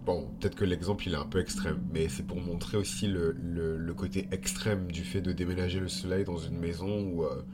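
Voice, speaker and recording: A French podcast host with a French accent explains things casually and hesitantly, thinking aloud and wandering into digressions. His low voice is steady in tone, a little fast with few pauses, and sounds nasal and congested from a blocked nose.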